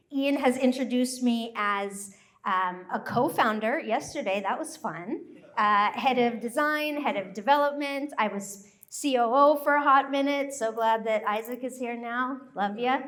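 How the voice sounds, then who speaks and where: Brief: American woman, raised in Thailand, somewhat high voice, lively and joyful workshop speaker. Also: a little slow. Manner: upbeat, joyful and animated. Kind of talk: live presentation talk.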